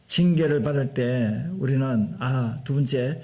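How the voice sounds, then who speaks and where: A man preaching a Sunday sermon as a pastor, animated and full of rhetorical questions. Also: mid-range voice, a little slow. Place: church sanctuary.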